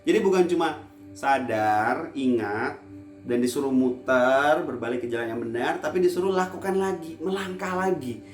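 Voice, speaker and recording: A man preaching a casual youth sermon for an online service, with playful teasing asides, swinging from loud emphasis to quiet low lines. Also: moderate pace, reverberant, faint music behind.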